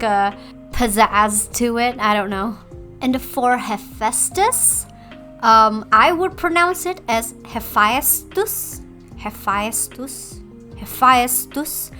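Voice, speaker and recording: A woman's voice: a little high, normal speed, a bit bright, soft background music. A young woman from Indonesia, chatting casually in a voice-over about her drawing process, with playful self-deprecating asides. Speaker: artist and video creator.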